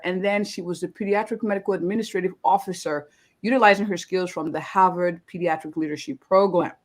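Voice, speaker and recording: A woman physician hosting a live-streamed interview, upbeat and effusive, often repeating words of praise. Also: mid-range voice. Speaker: host, family physician.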